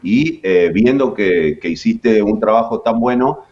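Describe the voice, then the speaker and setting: Telling stories in a laid-back interview, this Argentine-accented guest, a voice actor in his forties from Jujuy, chats away with plenty of fillers. His voice is lowish and darkish with lively intonation and an unhurried pace, and the highs are cut off.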